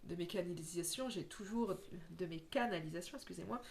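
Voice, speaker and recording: A woman with a gravelly, fairly low voice talks slightly quickly, with a faint hiss or hum in the audio. She is a medium doing oracle card readings for a casual spiritual vlog, earnest and rambling, with lots of restarts.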